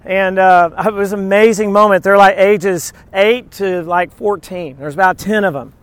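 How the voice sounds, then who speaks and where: A man preaches at a moderate pace in a high-pitched, clear, resonant voice, with no room sound. The sermon is informal and conversational; he tells personal stories and animatedly acts out little quotes as he teaches.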